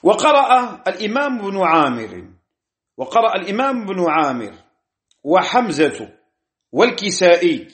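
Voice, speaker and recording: A male teacher lecturing on jurisprudence and Quranic readings, his voice pitched a little high and moving lively up and down. He stretches key words out slowly and stops to cite books and page numbers. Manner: deliberate, drawing out key words and citing sources.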